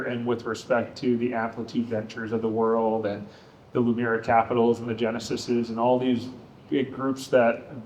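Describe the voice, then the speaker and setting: Biotech operator on a panel, man, monotone delivery, emphatic, faint hiss underneath. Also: medium pitch, rough recording. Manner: emphatic, lists many examples. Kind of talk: panel discussion answer.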